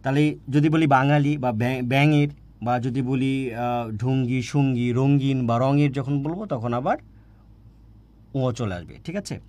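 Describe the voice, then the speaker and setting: A man's voice: mid-range voice, measured pace, a little mellow. A man teaching a grammar lesson for exam preparation, repeating points and often checking with "right?". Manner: repetitive, asks students "right?" often.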